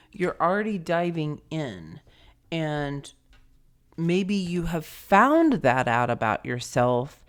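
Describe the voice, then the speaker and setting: Slow, low-voiced woman tarot reader. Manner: soft, meditative, often drops to a hushed near-whisper; filler-laden, searching for words. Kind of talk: intuitive tarot reading.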